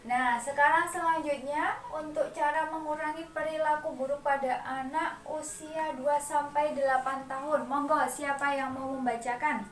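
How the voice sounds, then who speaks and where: Leading mothers through clap chants, this high-voiced parenting facilitator keeps a steady tone and a moderate pace while breaking her points into steps. There's slight background noise, plus the echo of a room picked up from a distant microphone with faint ambience.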